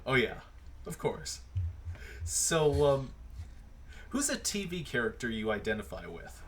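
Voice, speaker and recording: A man hosting a casual interview, self-deprecating and quick to laugh. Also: medium pitch, sing-song, a bit bright, a little hiss or hum. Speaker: interview host.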